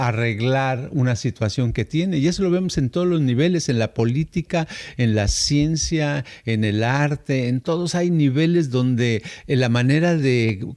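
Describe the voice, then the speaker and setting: Older male co-host, animated storyteller, medium pitch. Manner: storytelling, animated, acts out quoted voices with laughs. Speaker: podcast co-host. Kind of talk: casual conversational podcast chat.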